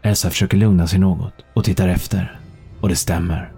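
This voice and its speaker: A man narrating a thriller audiobook in a calm, measured storytelling manner. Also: low-pitched, gravelly, husky, soft background music.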